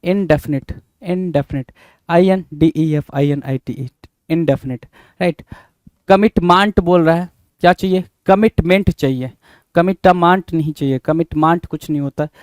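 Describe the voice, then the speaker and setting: A man's voice: a little high, normal speed, no room sound. A man teaching a spelling lesson, spelling words out letter by letter and repeating each point, with an Indian accent. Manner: often adds "bhai" to address viewers. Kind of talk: spelling lesson, checking answers.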